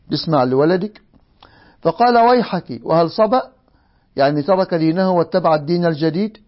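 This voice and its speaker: A man with an Egyptian accent teaching a religious lesson. He reads a story aloud and stops to explain it in everyday speech. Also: sits high. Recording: dull lo-fi recording.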